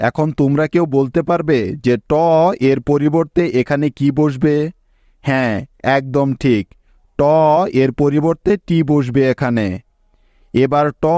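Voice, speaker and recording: Guy teaching spelling real slow, keeps asking the class stuff, kinda high voice, dead dry muffled audio. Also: a little mellow, no echo. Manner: patient, asks the class questions and answers them himself. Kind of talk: slow classroom-style lesson.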